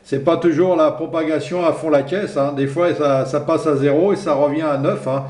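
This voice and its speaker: Over an echoey two-way radio link, a ham operator makes relaxed contact chat, tacking little tag words onto the ends of phrases. He has a fairly high, darkish voice with fairly even intonation and a moderate pace.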